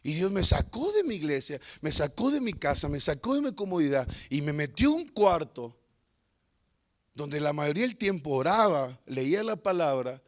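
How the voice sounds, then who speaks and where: A man pastor preaching a sermon, telling a story with humor and swinging between loud and hushed delivery. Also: a little high, big pitch swings, normal speed.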